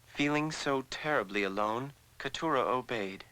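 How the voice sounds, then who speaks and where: A man narrating a scripted fairy tale as a measured storyteller. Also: mid-range voice, pushed and bright, slight background noise, rough recording.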